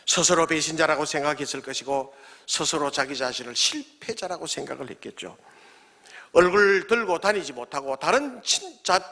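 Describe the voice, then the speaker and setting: Pastor, male, high and very lively voice, dramatic sermon delivery. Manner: dramatic, acts out quoted voices, swings from loud to hushed.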